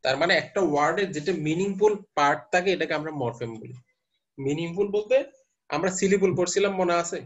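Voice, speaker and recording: A male teacher lectures his class with a slightly higher voice than most men. He works through each point step by step and keeps stopping to quiz his students. The recording is dull and lo-fi. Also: a little fast. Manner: explains step by step, quizzes students. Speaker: university teacher. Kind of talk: lecturing class, mixing English terms.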